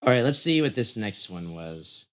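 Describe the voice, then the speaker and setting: A man's voice: lowish voice, sing-song, normal speed. A man hosting a casual podcast chat. He laughs often, talks in an easygoing, playful way and tends to ramble and trail off mid-thought. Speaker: host.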